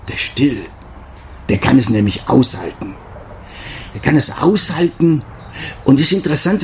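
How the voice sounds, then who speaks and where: An older man giving a devotional talk as a preacher, earnest, slowing down to stress key phrases. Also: on the high side, gravelly, a little mellow. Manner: earnest, with slow emphatic stresses.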